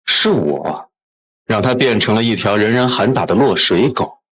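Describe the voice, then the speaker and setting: An actor playing a ruthless young tycoon who speaks calmly and coldly, with quiet menace. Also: male voice, lowish voice, normal speed, slightly rough, poor audio. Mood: mocking. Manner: calm, cold and menacing.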